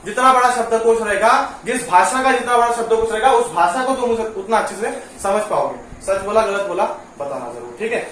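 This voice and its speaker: A man's voice: sits high, expressive, fairly quick, hardly any pauses, fairly bright tone. A man giving a casual spoken lesson in a chatty way, often checking in with the listener and mixing English phrases into his talk. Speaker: teacher. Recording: echoey room, voice far from mic.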